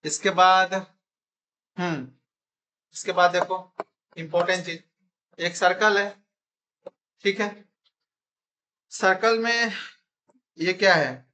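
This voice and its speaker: A man's voice: high-pitched, fairly even intonation, takes it slowly, pauses often, bright, forceful tone. A man teaching a classroom math lesson in speech, constantly quizzing his students with repeated questions.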